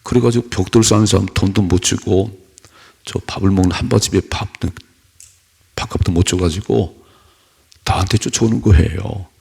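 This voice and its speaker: Deep, gravelly-voiced male pastor preaching. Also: normal speed, long pauses, darkish tone. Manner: conversational preaching with rhetorical questions and personal stories. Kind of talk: early-morning sermon. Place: church.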